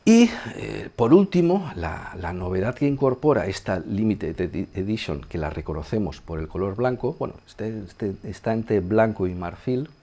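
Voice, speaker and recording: Synthesizer sounds play behind a sound engineer from Spain who explains the gear step by step in a casual tutorial, checking in with listeners often. His Castilian-accented voice is fairly low and dark, with lively intonation, normal speed and few pauses.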